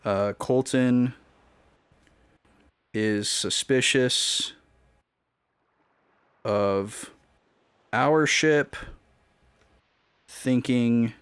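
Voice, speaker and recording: A man's voice: mid-range voice, drawn-out words, long pauses, a bit bright, clear, resonant tone. A man streaming a video game, thinking aloud and joking as he takes notes. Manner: thinking aloud, jokey, note-taking. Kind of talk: casual gameplay commentary.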